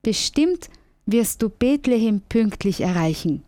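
A woman voicing a cheerful, eager little squirrel in a children's radio story, lively and coaxing. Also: on the high side, unhurried, no echo.

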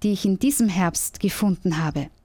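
A woman voicing a cheerful, eager little squirrel in a children's radio story, lively and coaxing. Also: mid-range voice, moderate pace, dry recording, lightly acted.

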